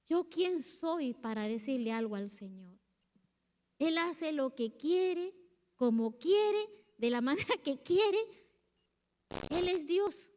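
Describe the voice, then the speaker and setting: Woman pastor, middle-aged, high voice, heartfelt confessional sermon, long church reverb. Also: lively intonation, slow pace, darkish tone. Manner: emotional, confessional preaching with quoted prayers. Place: church sanctuary.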